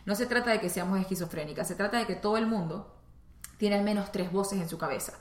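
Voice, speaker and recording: A woman's voice: mid-range voice, fast talker. A woman from Venezuela with a Venezuelan accent, giving a spiritual self-help talk and speaking straight to the listener in a conversational way. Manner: conversational, addresses listener directly. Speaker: spiritual teacher and astrologer. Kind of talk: spoken self-help monologue. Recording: echoey room.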